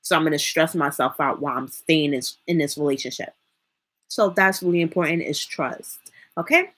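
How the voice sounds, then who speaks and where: A woman's voice: low-pitched, a little fast, a bit bright. A woman live streaming and giving relationship and parenting advice in a casual, rambling way. She talks with a slight lisp from braces and thinks aloud between points.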